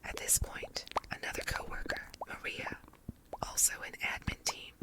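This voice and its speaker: A woman reading a story aloud as ASMR in a soft unvoiced whisper, layered into a doubled whisper track. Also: normal speed, poor audio. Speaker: story narrator.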